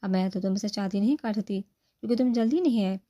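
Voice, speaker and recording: Woman voicing a coy loving mother, teasing, mellow voice, storybook reading. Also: medium pitch, natural voice. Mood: playful. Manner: affectionate, coy. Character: playful middle-aged mother, affectionate.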